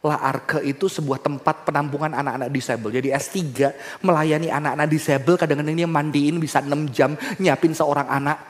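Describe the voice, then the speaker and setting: A man's voice: steady tone, fairly quick, long reverb tail. Emphatic preaching man with big swings. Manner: dramatic swings between soft, low passages and loud, high emphatic bursts; addresses the congregation directly as brothers and sisters. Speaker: pastor. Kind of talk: sermon.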